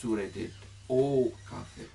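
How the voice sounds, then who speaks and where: A man's voice: medium pitch, measured pace, gravelly, mellow, far from the mic, slight background noise. A man with an Italian accent, a native Italian speaker, explains song lyrics as a language teacher, in simple broken phrases and with sung examples.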